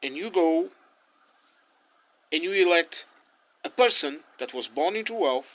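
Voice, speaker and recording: Interviewed on the street, a man whose first languages are Portuguese and German voices a passionate opinion in English. His voice is on the high side, a bit bright, with lively intonation, and his pace is measured even as he rants and keeps restarting.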